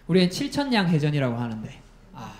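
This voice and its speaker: A man giving a storytelling history lecture, animated and asking the audience questions. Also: on the high side, brisk, background noise. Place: lecture hall. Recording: echoey lecture room.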